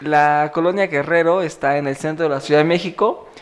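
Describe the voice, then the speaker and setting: A man's voice: a little high, fairly even intonation, a little fast. Joking Mexico City man hosting a podcast. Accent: Mexico City Spanish. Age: 30s. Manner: joking, teasing, laughs often. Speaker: podcast host. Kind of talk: casual podcast chat.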